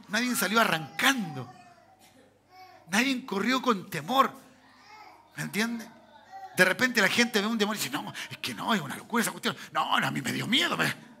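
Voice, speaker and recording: A man with a Chilean accent, a pastor preaching a sermon full of rhetorical questions to the congregation, with sudden shouted bursts. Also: high voice, vocal fry, husky. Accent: Chilean Spanish.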